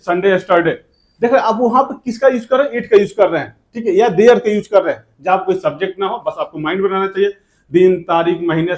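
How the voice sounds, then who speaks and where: Indian male teacher, high-pitched, repetitive question-and-answer drilling. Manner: drills sentence pairs, repeats words, asks and answers own questions. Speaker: English teacher. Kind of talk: classroom grammar lesson.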